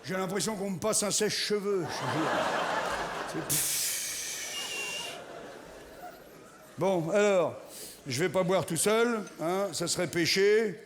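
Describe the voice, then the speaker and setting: A man's voice: high voice, huge pitch swings, slow pace, long pauses. A middle-aged man performing a crude, teasing stand-up routine on a theatre stage, egging on his audience. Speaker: stand-up comedian. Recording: live hall recording, loud crowd.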